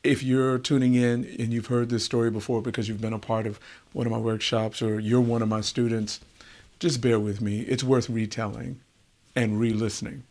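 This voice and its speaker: A male storyteller relating a wisdom tale at an unhurried pace. He leans on repetition to let each moment sink in, with a voice of ordinary pitch for a man. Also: little pitch movement, a little mellow. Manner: unhurried, repeats words for effect. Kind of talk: oral wisdom tale telling.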